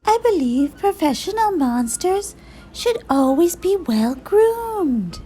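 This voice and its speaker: A woman voicing Ralph, a prim, vain, well-groomed male monster in a children's storybook, with a high silky voice and slow, formal manner. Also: sing-song, warm tone, a little hiss or hum, full character voice. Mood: proudly prim.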